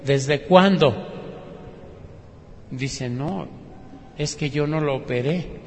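A man's voice: fairly high pitch, slow, creaky, a little mellow, in a large hall, slight background noise. A man with a Mexican Spanish accent giving a spoken religious testimony, telling his story and acting out other people's words. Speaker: testimony speaker.

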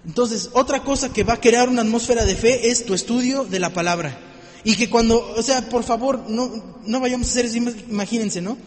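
A man preaching a lively sermon, joking and acting out little scenes for his listeners. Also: very high-pitched, brisk, long reverb tail.

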